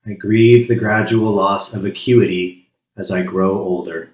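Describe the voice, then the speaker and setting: Short, measured phrases broken by pauses make up this solemn ritual, led by a man with a low-pitched voice speaking as a worship leader to his congregation. His delivery is very flat and even, and the space around him is large and echoey.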